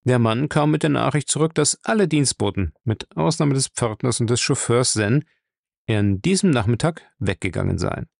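A man reading a novel aloud as narrator, steady and measured. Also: medium pitch, gravelly, dry recording, clean studio sound. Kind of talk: audiobook reading.

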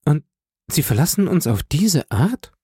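A man's voice: mid-range voice, expressive, normal speed, dark tone, breathy edge, no room sound, studio quality, pitched above the performer's own voice. A man reading an audiobook, voicing a distraught young woman who pleads and exclaims. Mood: pleading. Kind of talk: audiobook character voice.

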